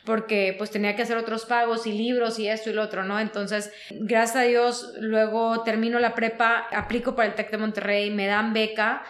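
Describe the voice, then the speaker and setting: A woman recounts her path in an interview, animated and sprinkled with fillers. Her voice sits a bit high for a woman. The recording sounds echoey, as if the room bounces her words back. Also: normal speed. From Mexico. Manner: animated, frequent fillers like "o sea" and "¿no?". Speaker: guest, HR consultant. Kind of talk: conversational interview storytelling.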